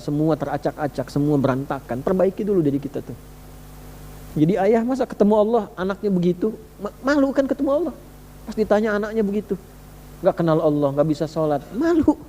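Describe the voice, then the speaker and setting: A man's voice: sits high, animated, brisk, mellow, long reverb tail, slight background noise. A male preacher delivering a sermon in a conversational, emphatic way, repeatedly asking his listeners rhetorical questions. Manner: conversational, addresses listeners directly.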